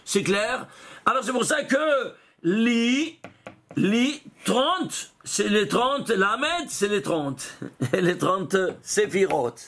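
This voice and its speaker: A rabbi with a very high voice for a man teaches a class on letters and numbers. He keeps asking "alors?" and "vous voyez?", then answers himself. His pace and pitch swing often, from slow, stressed words to quick bursts. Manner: animated, asks rhetorical questions and answers them himself; pitch and pace jump around a lot, now slow and stressed, now rushed. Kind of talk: Kabbalah lesson explaining diagrams and letter numbers.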